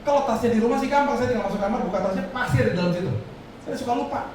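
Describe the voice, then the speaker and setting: A man preaching a storytelling sermon, animated and acting out the voices of people in his story. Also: extremely high pitch, very fast. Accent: Indonesian. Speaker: pastor. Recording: echoey hall, far-off mic, noisy.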